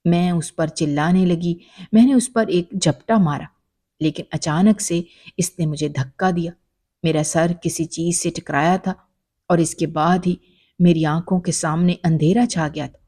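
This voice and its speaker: Female storyteller, warm low voice, emotional first-person narration. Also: fairly even intonation.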